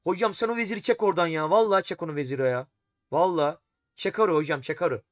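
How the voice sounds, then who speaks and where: Streaming a chess game live, a fast-talking man with a highish voice thinks out loud and addresses his chat, frequently exasperated. The sound is studio quality with no room ambience.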